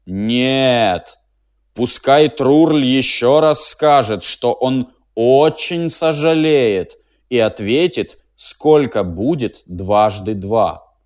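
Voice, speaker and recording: A man voicing a stubborn, dim-witted giant female machine, speaking slowly and insistently. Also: lively intonation, a little mellow. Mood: stubborn, menacing. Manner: slow, booming, insistent.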